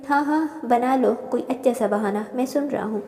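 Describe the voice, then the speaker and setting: A woman's voice: a little high, moderate pace, warm tone, lightly acted. A woman voicing a teasing, protective young man, the older cousin in a storybook reading. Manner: dry, mocking. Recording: roomy reverb.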